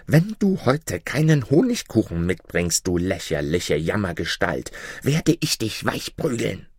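A man's voice: low voice, big pitch swings, measured pace, breathy edge, dry recording, clean studio sound, full character voice. A man voicing a furious, screeching wife in a read-aloud fairy tale. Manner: screeching, threatening. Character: shrill furious shrewish wife.

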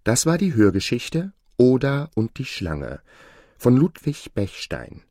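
A man narrating a fairy tale audiobook in a slow, expressive storytelling manner. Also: medium pitch, dry recording, clean studio sound.

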